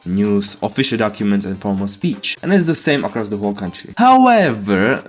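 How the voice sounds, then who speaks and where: A young man from Czechia, telling his life story in a casual, playful voice-over with sarcastic asides. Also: on the low side.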